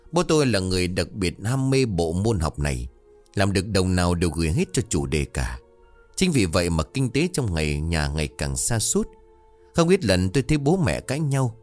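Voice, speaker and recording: A man's voice: sits low, a little mellow. A man narrating a first-person ghost story in a storytelling manner.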